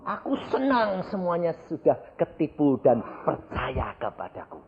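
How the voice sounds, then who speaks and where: A preacher putting on a gloating, mocking devil. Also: male voice, on the high side, wildly swooping pitch, unhurried, slight background noise, pitched above the performer's own voice, heavily acted. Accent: Javanese. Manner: mocking laughter, boastful. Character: gloating deceiving devil spirit, male. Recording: dull lo-fi archive recording.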